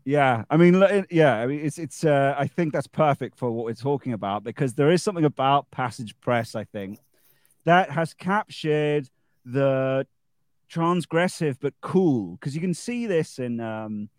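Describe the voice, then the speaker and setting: A man hosting a casual podcast conversation, eager and quick to agree, laughing often. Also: mid-range voice, animated, no room sound, studio quality. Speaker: podcast host.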